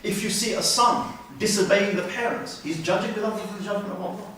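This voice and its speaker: A man's voice: sits high, a little fast, fairly bright tone, a little hiss or hum. A man giving an earnest mosque lecture as a religious teacher, with many restarts and questions put to the listeners. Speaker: Islamic teacher. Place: mosque hall. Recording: very echoey hall, mic at a distance.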